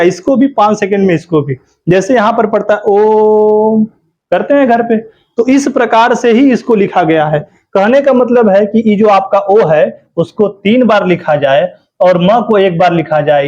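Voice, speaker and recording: A male teacher giving an exam-prep grammar lesson, asking questions and then answering them himself, and repeating key words to drill them in. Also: sits high. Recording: dull lo-fi recording.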